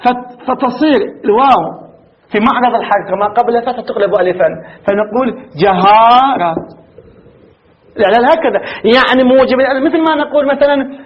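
A man teaching an Arabic grammar lesson. He asks questions and answers them himself, and he repeats words slowly with halting restarts. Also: extremely high pitch, lo-fi sound. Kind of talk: classroom lecture.

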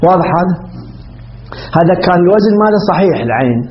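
A man's voice: high-pitched, expressive, fast talker, dull audio, slight background noise. A man teaching a classroom grammar lesson, asking questions and answering them himself.

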